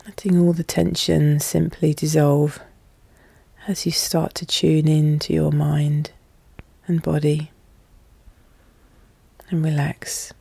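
A podcast host guiding relaxation in a calm, soothing, soft and hushed voice, with measured, deliberate phrasing. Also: medium pitch, gravelly, husky, no room sound. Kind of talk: slow, soothing guided hypnosis narration.

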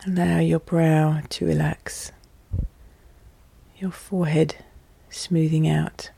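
A podcast host guiding relaxation in a calm, soothing, soft and hushed voice, with measured, deliberate phrasing. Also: mid-range voice, vocal fry, breathy edge, no echo. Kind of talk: slow, soothing guided hypnosis narration.

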